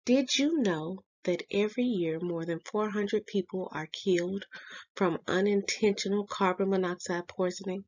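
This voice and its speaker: A woman reading scripted school morning announcements to pupils as a staff announcer, in deliberate, measured phrases. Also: mid-range voice, darkish tone, highs cut off.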